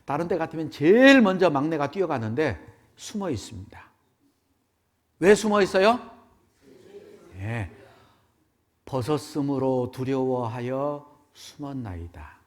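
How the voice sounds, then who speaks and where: A man preaching a sermon to a congregation, asking questions and acting out a family story in different voices. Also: high voice. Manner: animated, acts out family dialogue, asks audience questions. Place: church meeting hall.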